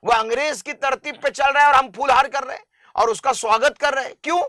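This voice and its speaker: A man with a high, bright, sharp-edged voice speaks as an interview guest making a heartfelt public appeal. He is earnest and emphatic, hammering his point with long lists. His voice is recorded dry and close. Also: steady tone, no room sound. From India.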